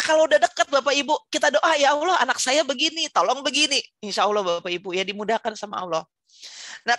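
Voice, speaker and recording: A woman with a somewhat high voice gives an Islamic parenting talk to an audience of parents. She speaks in a chatty way and often ends her sentences with small tag questions. Her voice is close and dry, with no room sound. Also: a bit bright, no room sound. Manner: chatty, asks rhetorical questions; tags sentences with "gitu ya".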